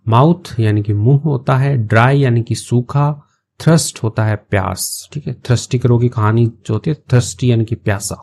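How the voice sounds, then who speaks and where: Gravelly-voiced man teaching English. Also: medium pitch, darkish tone. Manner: slow, patient word-by-word explanations. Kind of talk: explaining an English story in Hindi.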